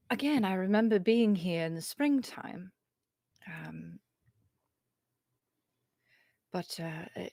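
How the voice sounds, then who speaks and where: A woman playing an injured, evasive woman hiker in a tabletop game, halting and politely apologetic. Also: on the low side, vocal fry, a little mellow, slightly rough, no room sound, studio quality, full character voice. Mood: apologetic, groggy.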